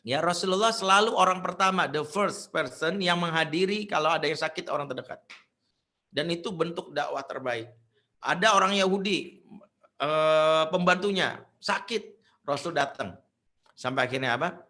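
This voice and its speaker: A man preaching to parents in an animated storytelling style, acting out the voices of the people in his stories. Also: normal speed. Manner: animated storytelling, acts out quoted voices with big pitch jumps. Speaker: Islamic preacher. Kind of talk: parenting sermon with acted anecdotes.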